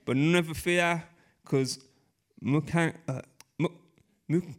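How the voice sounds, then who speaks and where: Hosting a live poetry night, a young man with a slightly high voice takes things slowly. He's chummy and prone to rambling asides, firing up the crowd between performers.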